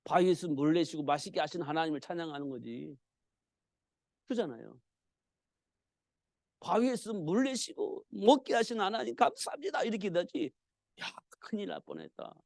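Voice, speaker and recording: Gravelly-voiced man preaching conversationally. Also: high voice, lively intonation, moderate pace, pauses often, a little mellow, no echo, studio quality. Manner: conversational preaching with rhetorical questions. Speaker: pastor. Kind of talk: sermon. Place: church.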